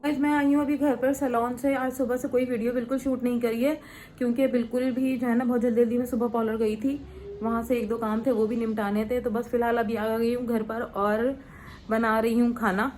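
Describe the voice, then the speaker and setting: A woman's voice: on the high side, flat delivery, a little fast, a little mellow, slight background noise, rough recording. A woman in her thirties, a mother, chatting casually to the camera about her day. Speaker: vlogger, mother. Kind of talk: casual home vlog chat.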